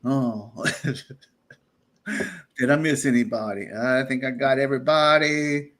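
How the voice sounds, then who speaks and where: A man hosting a casual live-stream chat, loud and animated, laughing often and rambling through shout-outs. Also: mid-range voice, slow. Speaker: podcast host.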